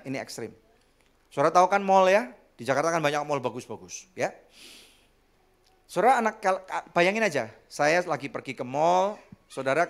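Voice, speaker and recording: A male pastor preaching a sermon to a congregation, animated and joking, with sudden loud bursts and acted-out quotes. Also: a little high. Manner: addresses the congregation often, jokes and laughs. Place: church service.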